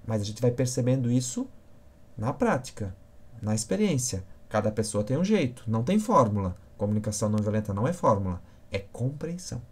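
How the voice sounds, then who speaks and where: A man's voice: medium pitch, sing-song, fairly quick, husky. Man teaching a live Q&A. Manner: answers viewers by name, checks in with "ok?" and "certo?". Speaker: communication instructor. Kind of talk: live-stream Q&A lesson.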